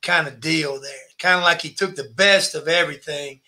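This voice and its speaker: A man's voice: fairly high pitch, moderate pace, sharp tone. A man, a football coach, chatting over a video call, searching for his words with many fillers. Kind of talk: casual interview chat.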